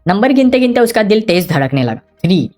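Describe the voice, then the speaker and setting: A woman narrates a manhwa recap in an animated storytelling style. She talks fast, and her pitch swings widely. Faint music plays underneath.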